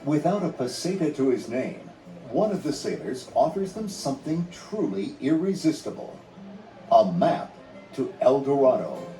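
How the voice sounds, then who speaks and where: Reading a kids' read-along tale with scripted drama, this male narrator has a medium-pitched, mellow, sing-song voice at a moderate pace. Music plays beneath a roomy, far-off sound.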